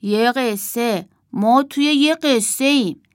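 A woman's voice: on the high side, no room sound, clean studio sound, voice pushed up, natural voice. A woman as a little boy doll, matter-of-fact, a bit raised. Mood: plain.

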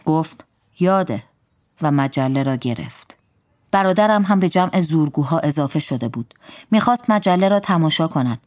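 A woman reading a first-person story aloud in a calm, wry storytelling manner. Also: low-pitched, no echo, studio quality.

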